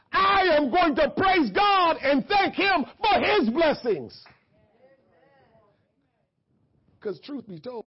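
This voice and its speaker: A preacher putting on the voice of an unloved young wife who resolves to praise God instead of worrying. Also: male voice, extremely high pitch, exaggerated voice. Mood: defiant. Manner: resolute, talking herself round. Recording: dull lo-fi church recording.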